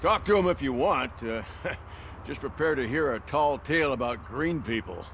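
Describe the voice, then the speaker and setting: A man's voice: mid-range voice, animated, moderate pace, background noise, natural voice. A man playing a world-weary, matter-of-fact police officer with a wry manner in a video game.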